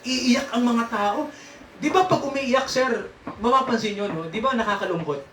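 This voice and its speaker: Captured by a far-off mic in an echoey room with slight background noise, a man with a very high, somewhat bright voice teaches from the Bible at a moderate pace. Preaching in church, he quizzes his listeners with frequent tag questions and chuckles often.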